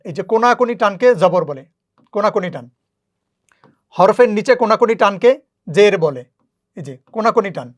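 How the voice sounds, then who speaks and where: A teacher giving a patient, step-by-step lesson on reading the Quran, repeating each rule slowly. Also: mid-range voice.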